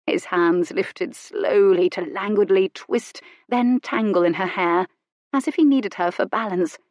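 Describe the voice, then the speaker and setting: A woman narrating a romance novel in an intimate, measured reading. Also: medium pitch, a little mellow, no echo, studio quality. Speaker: audiobook narrator.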